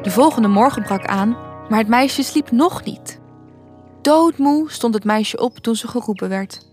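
A woman calmly and gently reading a children's bedtime story aloud. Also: fairly high pitch, unhurried, faint music behind.

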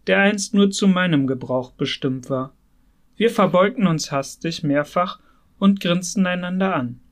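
A man reading a classic novel aloud as an audiobook, his voice pitched a touch higher than most men. He reads with feeling, letting doubt and agitation color the first-person narration. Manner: expressive, emotionally charged reading. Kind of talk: scripted literary narration.

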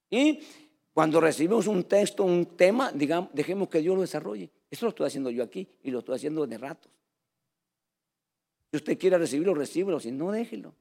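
A man preaching a sermon in a lively way, often calling his listeners "brother". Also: high-pitched, gravelly.

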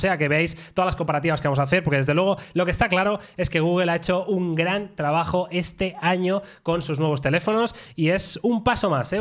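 A man's voice: sits high, fairly bright tone. A man with an accent from Spain hosting a casual tech podcast, colloquial and playful, talking straight to listeners. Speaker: podcast host.

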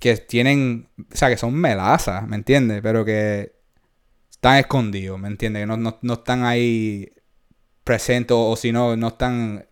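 A man's voice: mid-range voice, fairly even intonation, unhurried, clean tone. A man with a Puerto Rican Spanish accent, co-hosting a casual podcast chat in a laid-back, slangy way and dropping in English phrases. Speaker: podcast co-host.

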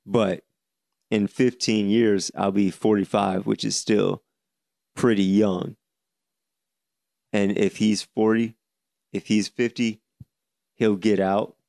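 A man in his late twenties hosting a solo podcast, speaking earnestly with many halting restarts. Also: on the low side, flat delivery, creaky, darkish tone, dry recording, clean studio sound. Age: 20s. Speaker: podcast host.

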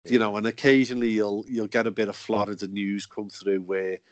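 Man, podcast host, lowish voice, chatty, joking, dry close recording. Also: level tone, brisk, dry recording. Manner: chatty, joking, laughs often. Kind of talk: casual chat.

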